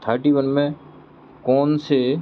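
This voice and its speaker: Faint traffic hums behind a dull, lo-fi recording of a man running an exam-prep grammar class. In a mid-range, flat voice at a slow pace, he restates every question, answers it himself step by step, and checks in with students by saying "theek hai."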